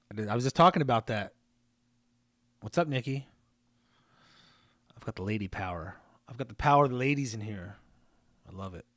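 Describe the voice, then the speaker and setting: A man hosts a live stream in a casual, chatty way, answering viewer comments as they come in and cracking jokes along the way. His voice is mid-pitched and recorded close and dry. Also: fairly bright tone, dry recording. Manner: chatty, joking, reads viewer comments aloud. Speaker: livestream host.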